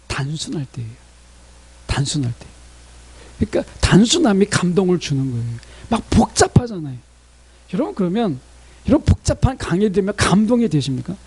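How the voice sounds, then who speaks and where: Animated husky-voiced male pastor preaching. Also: on the high side. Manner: animated preaching, addresses congregation often. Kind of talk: sermon.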